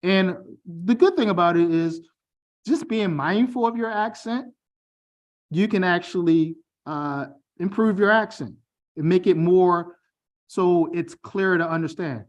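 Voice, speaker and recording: Over a video call, a middle-aged man from Baltimore gives an online information session in a direct, conversational manner, often checking in with "okay?" and "all right?". His accent is mostly General American with a mild Baltimore tinge, and his voice sits high and moves a little slowly.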